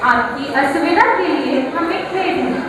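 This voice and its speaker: A high-voiced woman reads a formal train announcement over a PA system at a slow, deliberate pace. Her voice booms through a long-echoing hall, picked up from far away. Loud background noise surrounds it. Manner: formal, measured bilingual announcing. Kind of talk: railway station announcement. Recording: echoey hall from far off, noisy.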